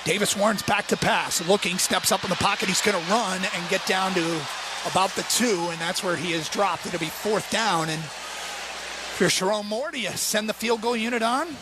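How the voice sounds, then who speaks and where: High-voiced male football play-by-play announcer. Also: normal speed, background noise. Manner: clipped present-tense play calling. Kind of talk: live football commentary.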